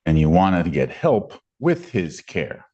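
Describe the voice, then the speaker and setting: A man acting as defense attorney at a court hearing, asking gentle leading questions. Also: low voice, big pitch swings, measured pace, husky, muffled recording.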